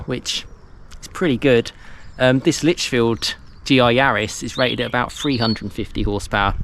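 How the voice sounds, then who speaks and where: A man's voice: mid-range voice, noisy background. A young man giving a casual walkaround car review outdoors, chatty and loose, laughing between lines. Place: outdoors beside cars.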